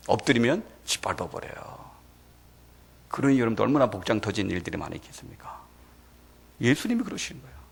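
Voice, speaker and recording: A male pastor preaching a sermon in a church, animated and full of rhetorical questions to the congregation. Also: medium pitch, gravelly. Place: church sanctuary.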